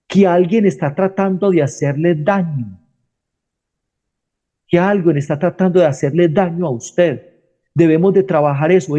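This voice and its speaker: A man's voice: fairly high pitch, warm tone. A male pastor giving a sermon, speaking straight to his listeners and repeating his key phrases.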